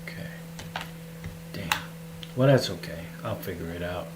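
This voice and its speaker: A man's voice: low voice, animated, a little slow. A man hosting a live broadcast in casual talk, his voice ringing with a heavy cave-like echo. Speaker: livestream host. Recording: echoey room with faint hum.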